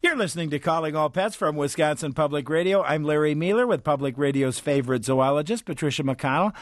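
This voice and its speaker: A man's voice: a little high, fast talker, dry recording, clean studio sound. A man hosting a public radio call-in show, announcing and asking friendly questions. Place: radio studio.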